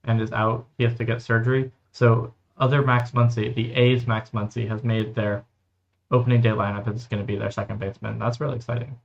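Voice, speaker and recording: A man co-hosting a podcast in casual chat, briskly running through a list of names. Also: medium pitch, level tone, vocal fry. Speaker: podcast co-host. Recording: slightly muffled lo-fi recording.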